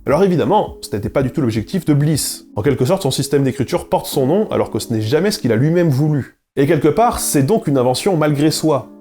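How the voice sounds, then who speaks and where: A man hosting an educational channel, delivering scripted narration in a brisk way with wry, ironic asides. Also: fairly high pitch, expressive, mellow, soft background music. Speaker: YouTube linguistics host.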